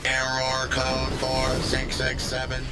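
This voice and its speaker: A man voicing a malfunctioning male robot in a video game, with a glitching robot voice filter. He repeats error codes in a clipped monotone. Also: medium pitch, slow, loud music behind the voice. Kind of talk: video game character dialogue.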